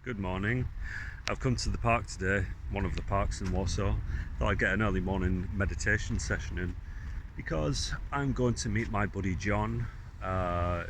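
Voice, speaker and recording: A man chatting casually to camera while walking around a city, relaxed and laughing easily. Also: on the low side. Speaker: travel vlogger. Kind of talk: casual travel vlog. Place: outdoors in a city and a park. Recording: outdoor street noise behind.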